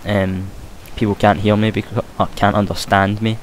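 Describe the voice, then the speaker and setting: A young man with a broad Scottish accent talks casually over a game. His voice is fairly low and very flat in pitch, and he hesitates as he tries to speak clearly. A faint hiss and game gunfire sit behind him. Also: normal speed. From Scotland. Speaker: gaming commentator. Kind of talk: casual gameplay commentary. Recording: hissy home mic with faint noise.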